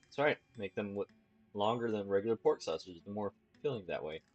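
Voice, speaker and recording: A man voicing a creepy, grinning male innkeeper with a lisp who stresses words oddly, in a low, husky voice. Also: animated, fairly quick, muffled recording, faint music behind. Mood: creepy cheerful. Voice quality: lisp, odd emphasis on words.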